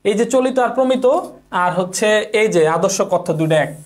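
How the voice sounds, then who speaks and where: A man's voice: high voice, lively intonation, moderate pace. A man giving an online exam-prep lecture, who asks the class questions and answers them himself, repeating key points and mixing in English words. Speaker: teacher.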